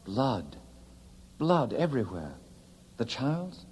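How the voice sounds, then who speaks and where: A man's voice: medium pitch, very animated, takes it slowly, darkish tone, husky, heavily acted. A man playing a sober, courteous asylum doctor in a radio drama, restrained and earnest. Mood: shaken.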